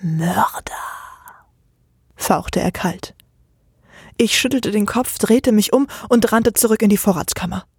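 A woman narrating a scripted first-person horror story in a measured way. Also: a little high, a little mellow, husky, no room sound, studio quality.

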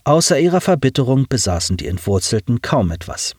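A man narrating a science fiction audiobook in measured, expressive storytelling. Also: medium pitch, breathy edge, dry recording, studio quality.

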